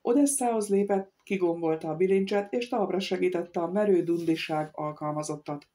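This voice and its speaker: A woman narrating an audiobook of a novel, reading every character herself and lifting her voice for shrill outbursts. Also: warm tone.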